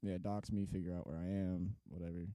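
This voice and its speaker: A man's voice: low-pitched, flat delivery, fairly quick, mellow, dry recording. A young man co-hosting a casual chat, blunt and offhand, with some swearing. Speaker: podcast co-host.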